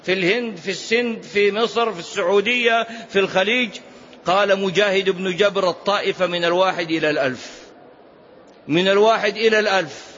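Impassioned high-voiced sheikh, lo-fi lecture. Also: male voice, a bit bright. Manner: impassioned, rising to emphatic peaks on lists. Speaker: sheikh teaching a text. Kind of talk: religious lesson. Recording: dull lo-fi lecture recording with faint noise.

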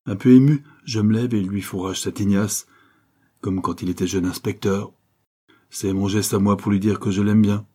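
A man reading a first-person crime novel aloud, expressive and voicing the dialogue himself. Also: lowish voice, moderate pace, husky. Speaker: audiobook narrator.

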